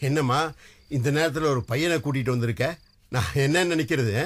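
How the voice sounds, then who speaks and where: A man's voice: medium pitch, a little fast, no room sound, close to an everyday voice. An actor playing a stern middle-aged police officer father who questions his daughter.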